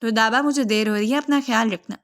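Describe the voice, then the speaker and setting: Sharp-tongued young woman, scolding, brisk, higher pitched, storybook reading, voiced by the narrator. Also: close to an everyday voice.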